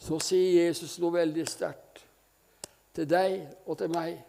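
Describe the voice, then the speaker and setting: A man's voice: fairly high pitch, fairly even intonation, gravelly, warm tone. An older man preaching a sermon at a church meeting, telling stories fervently and breaking in with frequent hallelujahs. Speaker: evangelist preacher.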